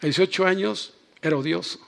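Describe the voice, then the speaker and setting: A high-pitched man delivers an animated sermon to a church audience. He swings between tender, emotional passages and playful jokes, addressing listeners directly. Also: brisk, creaky, slight background noise. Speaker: preacher. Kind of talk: lively sermon. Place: church hall.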